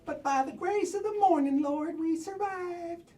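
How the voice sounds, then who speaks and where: A woman voicing an excitable, melodramatic puppet adventurer in an exaggerated, emphatic comic style. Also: very high-pitched, a little slow. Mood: indignant. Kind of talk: comic puppet-show acting. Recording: distant mic with light noise.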